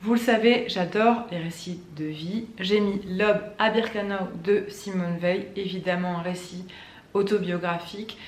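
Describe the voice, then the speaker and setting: A woman's voice: on the low side, steady tone, measured pace. Woman book vlogger, casual chatty delivery full of fillers, recorded in an echoey room. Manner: chatty, many fillers and restarts. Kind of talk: casual chat to camera. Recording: echoey room with faint ambient noise.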